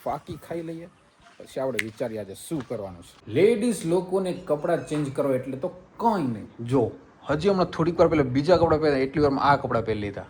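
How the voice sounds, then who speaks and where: A man's voice: fairly high pitch, lively intonation, brisk, darkish tone. A young man with a Saurashtra Gujarati accent vlogging casually, playful and teasing. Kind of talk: casual family vlog.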